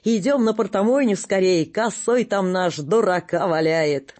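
A storyteller voicing a merchant father who shouts brisk, commanding orders. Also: medium pitch, close to an everyday voice.

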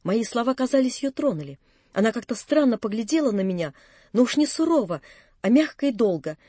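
A woman narrating an audiobook in a calm, measured reading voice, close to the mic. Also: fairly high pitch, slightly rough, dry recording. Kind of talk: scripted narration.

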